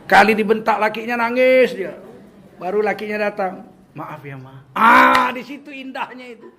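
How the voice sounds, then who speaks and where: A man's voice: sits high, normal speed. An older man from Medan with a Medan accent, giving a humorous religious talk and acting out the voices he quotes. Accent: Medan Indonesian. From Medan, North Sumatra, Indonesia. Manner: animated, joking, acts out quoted voices. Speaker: preacher.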